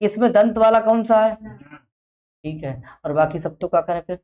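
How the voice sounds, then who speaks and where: A man whose voice sits high and who talks at an ordinary speed leads a classroom grammar lesson. Repeating the same questions, he drills his students, and the audio is dull and lo-fi.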